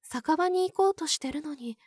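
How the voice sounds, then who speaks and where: A woman voicing a pure young nun who is sweetly possessive and obsessive, in a soft, polite ASMR role-play. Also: high-pitched, lively intonation, dry recording, studio quality. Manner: polite, soft, demure, lingering pauses.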